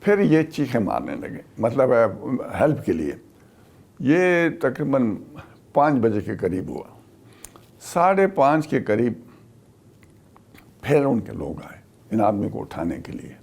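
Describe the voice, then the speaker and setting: An older man from Pakistan, a retired army officer, recounts a wartime memory in an interview, speaking haltingly with many pauses. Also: mid-range voice, big pitch swings, creaky, a little mellow.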